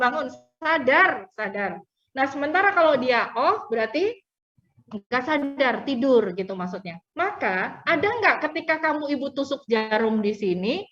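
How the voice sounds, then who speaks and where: High-voiced woman teacher, distant and muffled. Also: a bit bright. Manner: chatty, playful, asks students questions and laughs. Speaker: biology teacher. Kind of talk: classroom lecture. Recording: distant, dull lo-fi classroom recording.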